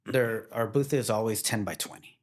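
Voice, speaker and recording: A man who works as a wedding photographer, talking casually in an interview with a relaxed, plainspoken manner and frequent restarts. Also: fairly low pitch, moderate pace.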